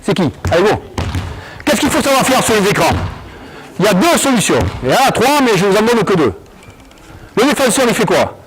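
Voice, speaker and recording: A male basketball coach running an on-court session, explaining drills and barking quick commands at players. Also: high-pitched, big pitch swings, a little hiss or hum, rough recording.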